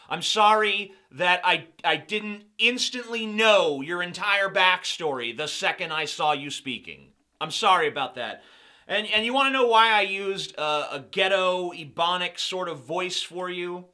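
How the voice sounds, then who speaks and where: A man's voice: high-pitched, animated, moderate pace, pushed and bright. A young man giving sarcastic, mocking commentary on video clips. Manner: mocking, sarcastic, laughs at own jokes.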